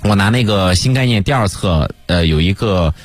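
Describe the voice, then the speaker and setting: A man, an English teacher, chatting as a guest on a radio talk show and telling lively stories. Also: low-pitched, normal speed, dry recording, faint music behind. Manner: lively storyteller, mimics English accents. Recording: dry studio radio mic.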